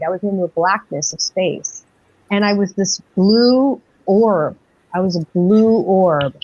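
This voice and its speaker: A woman's voice: medium pitch, dry recording. A middle-aged woman telling her personal story as an interview guest, rambling and breathless, full of fillers and acted-out quotes. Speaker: guest experiencer. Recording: dull lo-fi dry audio.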